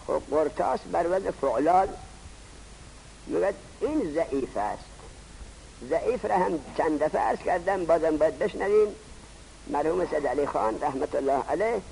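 A man teaching a grammar lesson, posing rhetorical questions and answering them himself in a slow, drawn-out teaching cadence. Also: on the high side, gravelly, darkish tone, a little hiss or hum, rough recording. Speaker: seminary teacher. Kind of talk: classroom lecture on Arabic grammar.

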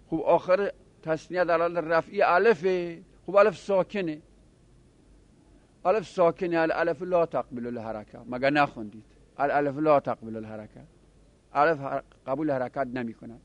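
A man teaching a grammar class, explaining rules step by step and quizzing his students with quick questions. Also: fairly high pitch, no echo, muffled recording.

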